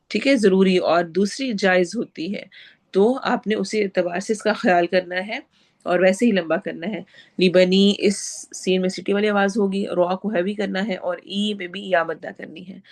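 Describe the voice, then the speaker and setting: A woman teaching Quran recitation, reciting each phrase slowly and then patiently explaining how to pronounce it. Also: medium pitch. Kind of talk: tajweed lesson.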